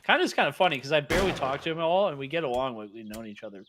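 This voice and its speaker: A man's voice: mid-range voice, expressive, very fast. Brief: man with hiccups, casual gaming host, self-deprecating, faint background noise. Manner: rambling, self-deprecating, laughs often. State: has hiccups. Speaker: streamer host.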